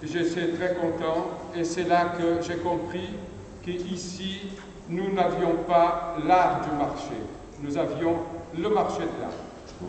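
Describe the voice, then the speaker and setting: A middle-aged sculptor speaks slowly and haltingly, stopping often to search for words. His fairly high voice rings through a stone cloister, picked up from far off. A low hum of ambient noise sits underneath. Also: little pitch movement, darkish tone, very echoey, big-room sound. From Brazil. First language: Portuguese. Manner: slow, hesitant, searching for words. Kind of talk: opening speech at an exhibition. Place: abbey cloister.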